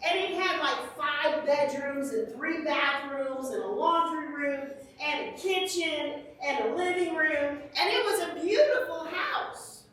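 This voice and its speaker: Animated woman storyteller, very high voice. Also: takes it slowly, hardly any pauses. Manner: animated storyteller, shrieks when acting out fright. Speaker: children's church teacher. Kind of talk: storytelling lesson to kids. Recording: echoey church room, from far off the mic.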